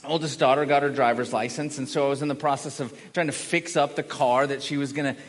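This time the middle-aged pastor talks fast, at a medium pitch with fairly even intonation. He preaches conversationally to a congregation in a large room, earnestly explaining and often repeating or restarting words, and the sound has a long hall reverb.

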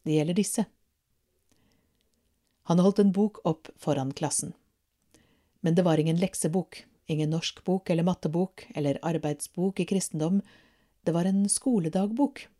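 Brief: calm storybook reader, woman with a low, mellow voice. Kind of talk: storybook reading.

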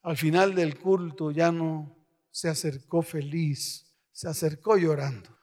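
A male pastor preaching a sermon, calling on the congregation to answer aloud and swinging between shouts and hushed storytelling. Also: a little high, fairly even intonation, takes it slowly. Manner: call-and-response, urging the congregation to answer aloud. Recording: long hall reverb.

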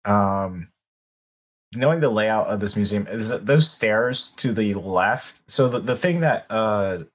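Low voiced guy, stalling with uhs, asking the gm stuff. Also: slow pace. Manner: hesitant, thinking aloud. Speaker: player. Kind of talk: casual game chat.

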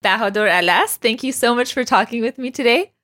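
Opening with a cheerful scripted intro, a woman hosting a podcast then slips into relaxed conversation and easy laughter with her guest. Her voice is a little high, brisk, and sharp in tone.

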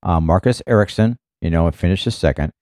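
A man's voice: deep voice, fairly quick, darkish tone, no room sound, studio quality. A man co-hosting a podcast, chatting casually about motor racing in a rambling way full of fillers. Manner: rambling, filler-heavy, many "you know"s. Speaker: podcast co-host, former racing team member.

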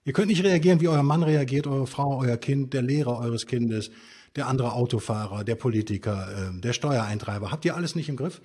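A man's voice: mid-range voice, a little fast, dark tone, husky. A man, a guest author, explaining ideas in an emphatic, conversational interview style with rhetorical questions. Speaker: podcast guest, stoicism author.

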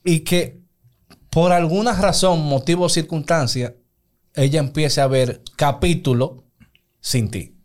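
A man, co-hosting a podcast and trading animated complaint anecdotes. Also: on the high side, unhurried, pauses often. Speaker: podcast co-host. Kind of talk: casual chat.

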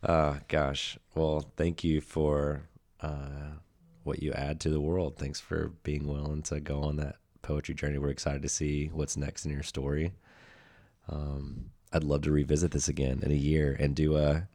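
A male podcast host with an extremely deep voice that stays flat and even in pitch. He speaks reflectively, searching for his words and circling back as he thinks aloud. His tone is steady and low throughout. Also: measured pace. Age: adult with a young son. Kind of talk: podcast interview.

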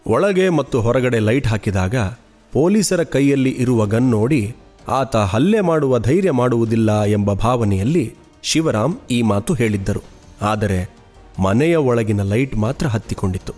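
A man narrating a true-crime podcast in a measured, steady storytelling voice. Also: mid-range voice, faint music behind.

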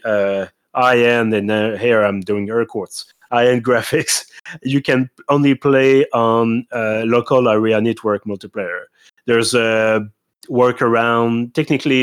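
A man co-hosting a podcast in casual chat, thinking aloud with frequent pauses. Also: medium pitch, clean tone. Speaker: podcast co-host.

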